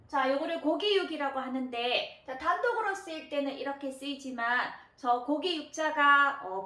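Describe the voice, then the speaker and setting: High-voiced woman teaching, roomy echo. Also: fairly bright tone. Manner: patient, frequent "자" and "어" fillers, repeats key readings slowly. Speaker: Japanese kanji teacher. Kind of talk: explanatory lesson narration.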